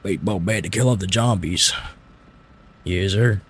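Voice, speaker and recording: A man's voice: sits low, unhurried, husky, full character voice. A man playing a soldier on a survivor squad in an improvised game, casual and plain-spoken. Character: male soldier on survivor squad in role-play. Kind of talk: improvised online game role-play.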